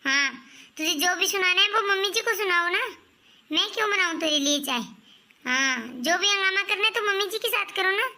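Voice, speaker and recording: A woman playing a sharp-tongued, defiant young daughter-in-law in a family comedy skit, scolding and threatening. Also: very high-pitched, exaggerated voice.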